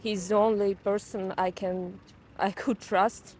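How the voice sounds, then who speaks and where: A Russian woman speaking halting non-native English with a Russian accent in a street interview. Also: medium pitch, level tone, a little mellow.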